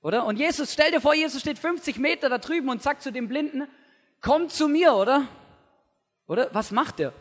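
A man preaching a youth sermon, telling a Bible story in slangy, energetic storytelling with shouted asides. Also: extremely high pitch, fast, few pauses. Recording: long hall reverb.

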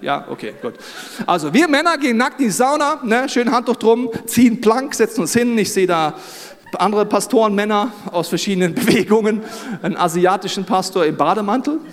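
A man with a South German accent, preaching a humorous sermon with animated storytelling and jokes. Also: high-pitched, brisk. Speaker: pastor. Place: large hall with audience. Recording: live hall reverb.

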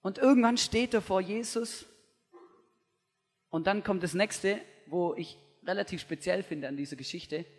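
A man preaching a youth sermon, telling a Bible story in slangy, energetic storytelling with shouted asides. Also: high-pitched, a little slow. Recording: long hall reverb.

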